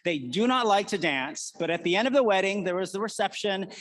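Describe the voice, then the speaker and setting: A man's voice: high-pitched, lively intonation, fairly quick, a bit bright. A man in his forties from the United States giving an earnest prepared keynote talk, weaving in personal stories. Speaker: conference speaker.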